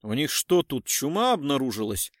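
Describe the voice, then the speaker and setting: A man voicing an excitable, blunt male police partner who talks loud and slangy. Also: medium pitch, moderate pace, no echo, clean studio sound, close to an everyday voice. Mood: worried.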